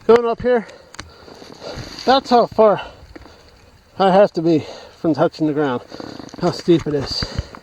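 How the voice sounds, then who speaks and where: A man's voice: high voice, animated, slow, pauses often, darkish tone, slight background noise. A man vlogging as he hikes a steep mountain trail, short of breath and rambling as he thinks aloud to his camera. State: short of breath while climbing. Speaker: hiker vlogger. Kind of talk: casual hiking vlog narration. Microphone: camera on an extended mount.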